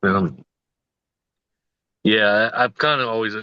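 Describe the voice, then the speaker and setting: A man's voice: fairly low pitch, takes it slowly, dry recording, muffled recording. A man with a Southern US accent co-hosting a casual podcast chat, laughing often and tripping over names. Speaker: podcast co-host.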